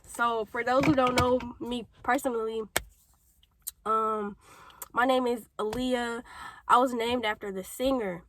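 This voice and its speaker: Against a noisy background, this St. Louis-accented young woman from Missouri vlogs her personal testimony in a steady, unhurried voice on the high side. Slightly stuffed up with a cold, she rambles casually, drifting into tangents and filling pauses with filler words.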